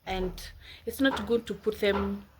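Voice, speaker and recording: A woman's voice: mid-range voice, measured pace, noisy background. A woman chats loosely to her viewers, rambling from one thing to the next. Her tone is easygoing and conversational, like a casual unboxing vlog. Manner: chatty, rambling, keeps addressing viewers as "guys". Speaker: vlogger.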